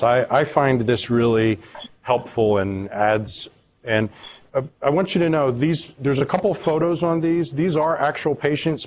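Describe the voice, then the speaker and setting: A man, an acupuncturist, giving a lecture on study results, pausing often with ums and restarts. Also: mid-range voice, a little mellow. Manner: halting, with many ums and restarts; reads patient quotes aloud, moved at times. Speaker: acupuncturist presenting research. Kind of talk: academic lecture presentation.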